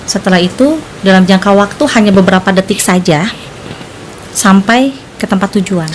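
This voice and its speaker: Calm Indonesian-speaking woman explaining steadily. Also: mid-range voice, normal speed, slight background noise. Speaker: spiritual practitioner guest. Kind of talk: explanatory interview answers.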